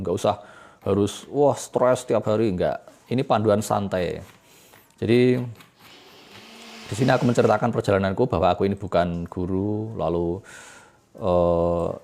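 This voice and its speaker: A man with a low, gravelly voice walks through a casual English grammar lesson. He explains in an easygoing, conversational way, pausing with fillers and correcting himself as he goes. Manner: relaxed, chatty explaining with fillers and self-corrections. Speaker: English tutor.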